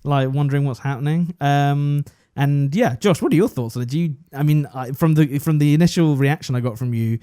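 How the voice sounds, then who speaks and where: Young English man, podcast co-host, mellow dark tone, dry close mic, chatty storytelling. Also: fairly high pitch, brisk, hardly any pauses, smooth, no room sound. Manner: chatty, self-deprecating, acts out both sides of a conversation. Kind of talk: casual storytelling.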